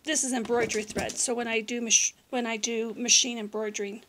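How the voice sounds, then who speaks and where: A middle-aged American woman with a hoarse, raspy voice that is giving out into whispery patches, chatting casually and informally as she gives a tour. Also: a little high, level tone, brisk, a bit bright, low-quality recording. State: hoarse, losing her voice. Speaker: vlog host. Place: small room at home, indoors.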